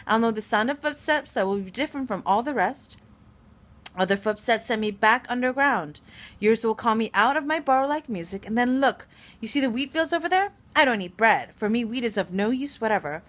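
A woman reading aloud and voicing a lonely, gentle male fox who patiently explains things. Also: on the high side, animated, a little fast. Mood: wistful.

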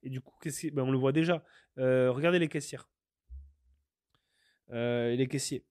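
A French man hosts a solo podcast, earnestly working through his opinions with plenty of fillers and restarts. His mid-range, darkish voice moves at normal speed in a clean studio recording with no echo.

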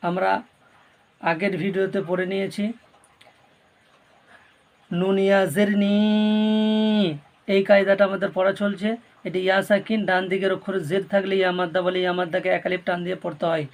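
A man teaching Quran reading, spelling out syllables slowly and repeating each word, then explaining the rules more quickly. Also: high voice, level tone, vocal fry. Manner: explains rules quickly and softly between drills. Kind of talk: slow drilled recitation lesson, spelling out syllables.

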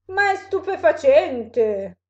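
A woman voicing a big, hungry, bumbling male monster in a storybook, with loud booming exclamations and a slightly dull recording. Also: very animated, slow, heavily acted.

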